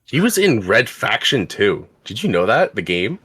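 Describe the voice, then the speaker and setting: A man's voice: lowish voice, big pitch swings, moderate pace, a bit bright, husky, no room sound. A young man co-hosting a podcast in casual chat, rambling through lists and teasing playfully. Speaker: podcast co-host.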